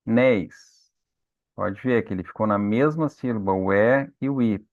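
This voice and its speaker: A man's voice: fairly low pitch, fairly quick, no echo. A man teaching a patient grammar lesson, checking in with his students again and again. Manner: patient, frequent "né?" and "tá?" check-ins. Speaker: Portuguese teacher. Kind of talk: explanatory lesson. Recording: dry, phone-like lo-fi sound.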